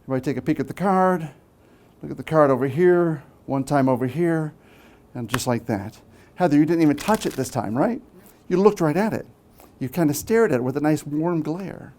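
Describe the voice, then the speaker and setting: A man's voice: fairly high pitch, fairly quick, a little mellow. Playful male magician working a live crowd. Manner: teasing, playful banter with volunteers; frequent tag questions. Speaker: stage magician. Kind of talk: live stage patter to an audience. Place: small theatre stage before a live audience.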